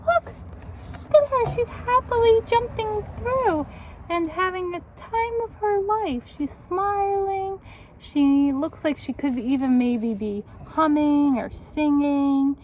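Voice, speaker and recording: With a very high voice, a woman reads a picture book to children in a lively, teacherly style, pausing now and then to pose questions to them. Slight background noise can be heard.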